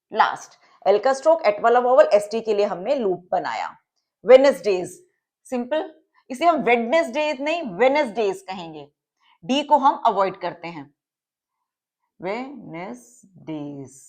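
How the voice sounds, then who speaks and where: Patient woman teaching shorthand, higher voice. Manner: patient, explains each stroke slowly, mixing Hindi and English. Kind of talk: step-by-step tutorial explanation.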